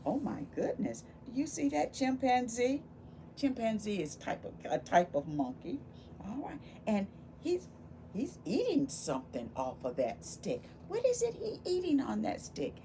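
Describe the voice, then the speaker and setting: With a somewhat high voice and lively, expressive intonation, a woman volunteers reading a picture book aloud at an unhurried pace. She exclaims and talks straight to her young listeners, adding questions and asides. A faint, steady noise runs behind her.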